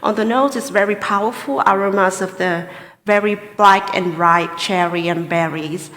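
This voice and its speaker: A woman giving a formal wine tasting assessment as a competition contestant, deliberate and hesitant, in short phrases with pauses. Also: mid-range voice, fairly bright tone. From Vietnam. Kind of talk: spoken wine tasting assessment before judges. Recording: echoey hall with long reverb.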